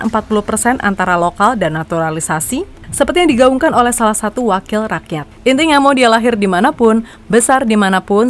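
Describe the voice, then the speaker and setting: A woman reading football news as a scripted narration, chatty and opinionated. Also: medium pitch. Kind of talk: scripted narration with casual asides.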